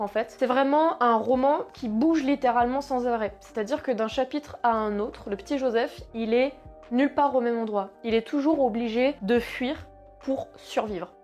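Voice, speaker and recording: A young woman in her twenties talks through her year of reading in a loose, chatty vlog. Her voice sits a little high, and she drops slang and teasing asides at herself as she goes. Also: a little mellow. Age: 20s. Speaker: book vlogger. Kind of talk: casual book review vlog.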